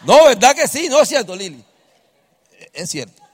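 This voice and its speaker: A middle-aged man, telling a personal story to a live audience in an animated way and speaking to them directly. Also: very high voice, moderate pace, in a large hall, a little hiss or hum.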